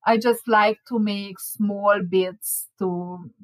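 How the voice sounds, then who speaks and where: A woman's voice: medium pitch, fairly even intonation, slow pace, no echo, low-quality recording. A woman from Hungary with a Hungarian accent, chatting casually as a baking class teacher, laughing often and restarting her words. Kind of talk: casual chat.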